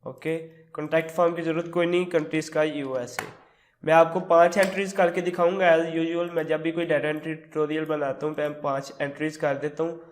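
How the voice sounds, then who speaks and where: A man's voice: on the high side, brisk. Man with a sore throat explaining a tutorial. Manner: relaxed, explains step by step with English words mixed in. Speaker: tutorial host. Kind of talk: screen-recorded tutorial walkthrough.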